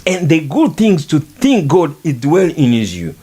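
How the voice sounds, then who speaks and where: A man's voice: on the high side, sing-song, moderate pace, warm tone, breathy edge. A middle-aged man, speaking on a podcast in an earnest, repetitive, preaching manner about faith and culture. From Rwanda. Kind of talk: reflective monologue on faith and culture.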